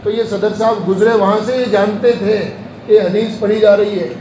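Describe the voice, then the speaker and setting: A man's voice: high-pitched, fairly even intonation. A male Islamic preacher giving a storytelling lecture, acting out the voices of the people in his anecdotes. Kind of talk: sermon-style storytelling lecture. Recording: echoey room with faint ambient noise.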